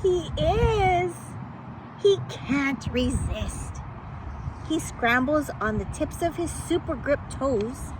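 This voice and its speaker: Her voice high and animated, a woman unhurriedly reads a picture book for children while noticeable ambient noise plays underneath. She dramatizes it playfully, exclaiming and pausing to build tension.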